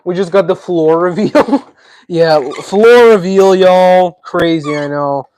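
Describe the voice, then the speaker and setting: This livestream host speaks slowly in a high, slightly mellow voice with a light Russian accent, Russian being his native tongue. Casual and frequently laughing, he builds something while responding to what viewers write.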